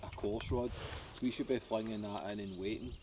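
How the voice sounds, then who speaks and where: Relaxed Scottish man outdoors, faint noise. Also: fairly low pitch, moderate pace, recorded from a distance. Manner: relaxed, offhand, swears freely. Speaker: fishing companion. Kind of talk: casual chat. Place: lochside forest outdoors.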